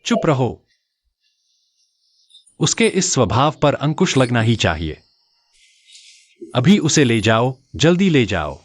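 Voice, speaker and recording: An actor dubbing a stern, cold young husband from a wealthy family, curt and commanding. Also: male voice, mid-range voice, very animated, slow, long pauses. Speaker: husband in a short drama, Hindi dub. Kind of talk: dubbed drama acting.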